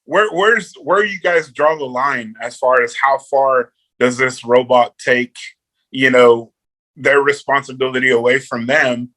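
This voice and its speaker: A man's voice: mid-range voice, unhurried, fairly bright tone, low-quality recording. A man, a guest on a movie review podcast, talking casually and rambling, repeating words and saying "you know" a lot.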